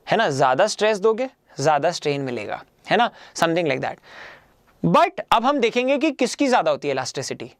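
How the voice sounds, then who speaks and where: In a dry, studio-quality recording, a man with a high voice gives a physics lecture in a casual, coaxing manner. He repeats himself often, keeps adding "है ना", and mixes Hindi with English phrases.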